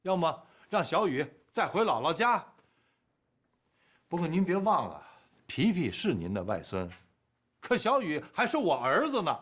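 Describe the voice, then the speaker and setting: A man's voice: fairly high pitch, very animated, a little slow, long pauses, a bit bright, breathy edge, exaggerated voice. An actor playing a domineering, blustering middle-aged husband and father in a TV drama. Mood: indignant. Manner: blustering, bossy. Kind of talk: TV drama acting.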